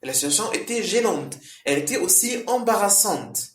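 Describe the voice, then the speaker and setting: A man explaining French vocabulary to learners, slow and repetitive, with many fillers and checks of understanding. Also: high voice, expressive, roomy sound. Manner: slow, repetitive explaining with frequent "hein" and "euh". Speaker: French teacher.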